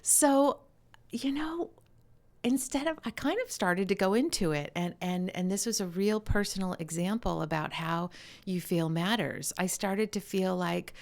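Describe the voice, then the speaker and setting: A middle-aged woman, a mother of a grown daughter, talking in a soft, passionate way that often drops to a near whisper. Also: lowish voice, moderate pace. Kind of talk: casual conversation.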